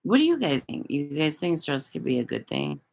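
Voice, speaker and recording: A woman's voice: low voice, huge pitch swings, brisk, creaky. A woman hosting a casual livestream, talking loosely to viewers, rambling and swearing freely. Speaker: livestream host reading viewer chat.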